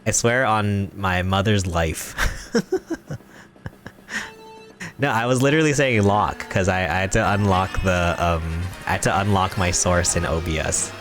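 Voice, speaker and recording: Playing a game on a live stream, a young adult man rambles and giggles with his viewers in a playfully mock-serious manner. He talks at a measured pace in a low-pitched, fairly bright voice over soft background music.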